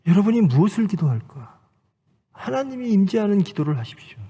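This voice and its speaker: A pastor preaches a Sunday sermon in a church sanctuary, using emphatic rhetorical questions and exhortations. His voice sits high and is sing-song, fairly quick and warm with a breathy edge, captured on lo-fi audio with long church hall reverb.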